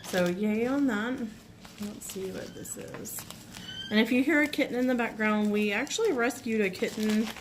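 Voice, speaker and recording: A woman with a cold, her voice a little rough, gushing chattily through an unboxing at home and clearing her throat often. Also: a little high, normal speed, noisy background. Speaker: nail vlogger. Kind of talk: casual unboxing chat.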